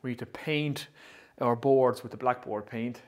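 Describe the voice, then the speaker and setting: Working in his pegboard-walled shed, this thirty-something woodworking channel host keeps up a chatty, upbeat running commentary, thinking out loud as he goes. He has a mid-range, slightly mellow voice with fairly even intonation and a measured pace.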